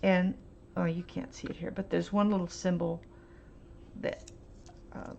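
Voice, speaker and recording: Her voice is fairly low, warm, and creaky, with hardly any pitch movement, as this art vlogger chats through a paint swatching demo at home. She talks in a rambling, hesitant way, frequently saying um and uh in the pauses. A faint hiss colors the dull, lo-fi home recording.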